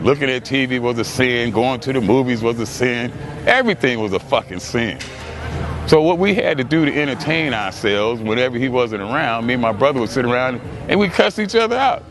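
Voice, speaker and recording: A man's voice: mid-range voice, noisy background. A middle-aged man, a martial arts trainer, ranting to camera in a combative, taunting way full of swearing, on a clip-on mic. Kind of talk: profane rant to camera.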